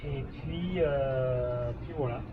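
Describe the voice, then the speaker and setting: The sound is phone-quality, and the man's medium-pitched voice draws out his words. A Québécois French-accented travel vlogger in his thirties, he casually explains a new car's features, hesitating frequently with fillers and restarts, over noisy outdoor ambience with vehicles.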